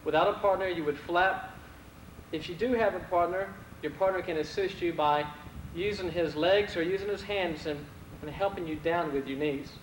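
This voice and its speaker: A man leading stretching exercises with calm, steady commands and counted reps, heard from a worn VHS tape copy. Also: high-pitched, normal speed, reverberant, slight background noise, low-quality recording. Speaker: martial arts instructor.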